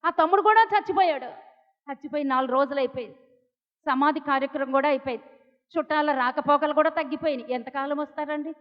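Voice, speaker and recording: A Telugu-accented woman pastor with a very high voice, preaching a fervent sermon. She drops to hushed lows and then rises to shouting peaks. The audio is dull and lo-fi, with a long reverb from a big hall. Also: quick pace. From India. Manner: impassioned preaching, swinging between hushed lows and shouted highs.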